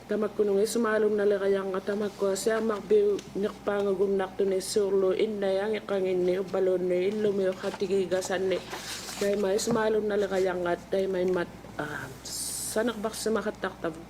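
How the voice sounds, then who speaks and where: Interpreter, even delivery. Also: medium pitch, brisk, a little hiss or hum, rough recording. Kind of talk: consecutive interpreting at a press briefing.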